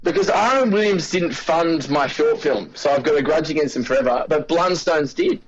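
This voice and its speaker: A man's voice: on the high side, animated, moderate pace, muffled recording, a crowd in the background. Laid-back Australian man telling stories. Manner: laid-back storyteller, sweary, laughs often. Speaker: guest actor. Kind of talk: casual chat.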